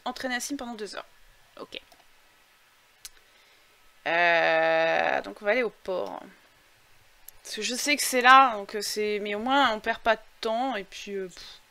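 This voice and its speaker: Woman, let's play commentary, bright voice, slightly high, chatty, filler-heavy, reads quest text aloud. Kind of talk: casual gameplay commentary.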